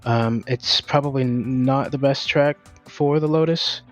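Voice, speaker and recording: A racing driver, out of breath, answering post-race interview questions in a candid, hesitant way with many fillers. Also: male voice, medium pitch, a little slow, faint music behind.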